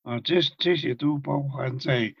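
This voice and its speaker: A man calmly leading a prayer meeting, with many fillers. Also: medium pitch, gravelly, husky, no room sound, dull audio. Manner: calm, unhurried, with fillers. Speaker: meeting leader.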